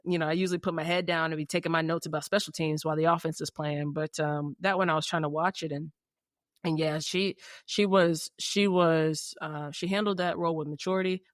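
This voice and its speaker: A woman's voice: sits low, steady tone, brisk, dry recording, clean studio sound. A woman hosting a podcast in casual chat, with lots of restarts and football talk. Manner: rambling, many restarts and "you know what I'm saying". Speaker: podcast host and player.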